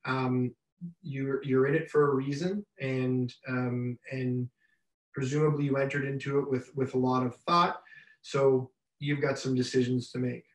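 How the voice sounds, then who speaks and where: This halting business mentor fills his unscripted webinar slide presentation with fillers and repeated starts, his voice raspy from much talking. The mid-range voice shows little pitch movement. He's in a home room indoors, captured by a video-call webcam, so the sound is roomy and from a distance.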